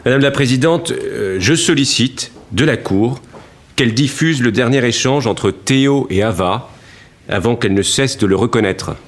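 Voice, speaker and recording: An actor playing a sceptical, sardonic prosecutor who speaks formally and dryly in a courtroom audio drama. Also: male voice, medium pitch, normal speed, natural voice. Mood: formal request.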